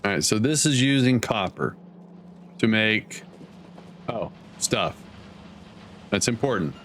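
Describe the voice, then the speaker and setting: A man streaming a game, giving casual commentary, thinking aloud and rambling with many fillers and pauses. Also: fairly low pitch, lively intonation, a bit bright, a little hiss or hum.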